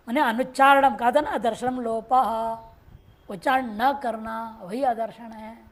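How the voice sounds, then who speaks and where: A woman teaching Sanskrit grammar in a classroom lecture, reciting word forms slowly and explaining each step patiently. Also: a little high. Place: ashram classroom.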